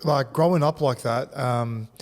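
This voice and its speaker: Chatty host in a reverberant room. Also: male voice, medium pitch. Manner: chatty, laughing, quick questions. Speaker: podcast host. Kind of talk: casual interview chat.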